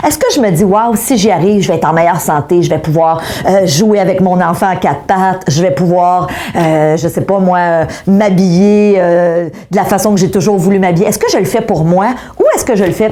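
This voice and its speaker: A woman's voice: lowish voice, fairly quick, few pauses, warm tone. A middle-aged woman with a Québécois French accent gives an online coaching lesson, talking directly to viewers and asking them rhetorical questions. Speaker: motivational speaker.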